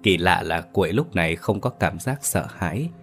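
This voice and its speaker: A man narrating a horror story in a steady, dramatic way. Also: low-pitched, moderate pace, husky, soft background music.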